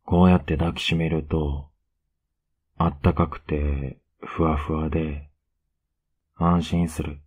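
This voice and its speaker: A man playing a tender, teasing, clingy younger boyfriend in an ASMR role-play, murmuring softly and intimately. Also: a bass voice, little pitch movement, slow pace, long pauses, slightly rough, exaggerated voice. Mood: pouty, affectionate. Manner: soft, intimate, coaxing murmur.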